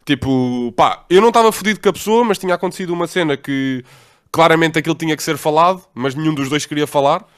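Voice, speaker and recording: A man's voice: a little high, fast, clear, resonant tone. A man with a European Portuguese accent co-hosting a casual podcast, telling stories in slangy, swearing talk. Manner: slangy, relaxed storytelling with swearing. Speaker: podcast co-host. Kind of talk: casual chat.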